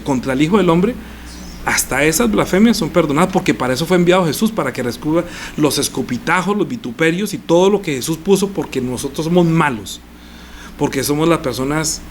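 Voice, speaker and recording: Emphatic preaching man, fairly high voice. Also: slight background noise. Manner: emphatic preaching, rhetorical questions, repeats for stress. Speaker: pastor. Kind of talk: sermon.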